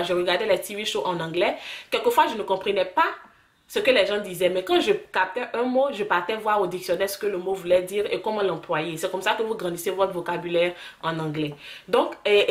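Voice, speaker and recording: A young woman from Ivory Coast with a medium-pitched voice chats casually to camera as a vlogger, her French carrying an Ivorian accent. She's animated, restarts sentences, and mixes in English words, and the recording sounds roomy.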